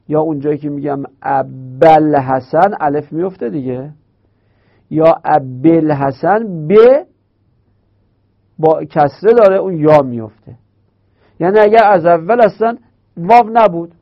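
A man teaching a grammar lesson in speech, explaining step by step and slowly repeating key terms. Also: fairly high pitch. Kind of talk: Arabic grammar lecture. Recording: dull lo-fi recording.

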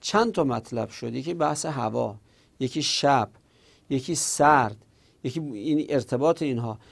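Gravelly man giving a slow lecture. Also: fairly high pitch. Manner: slow, deliberate explanation with frequent hesitations. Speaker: teacher. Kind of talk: recorded classroom lecture. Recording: audio from a lecture recording.

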